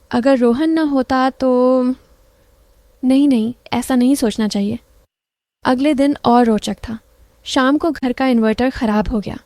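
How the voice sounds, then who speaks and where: A woman reading an emotional first-person story aloud, in a soft, intimate and confessional way. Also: on the high side, no echo.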